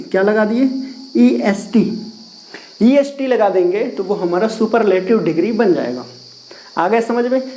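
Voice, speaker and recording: Poor audio captures a man with a high, dark-toned voice teaching English grammar in a classroom, explaining in Hindi. He writes and erases on a board, asking questions and repeating key words throughout.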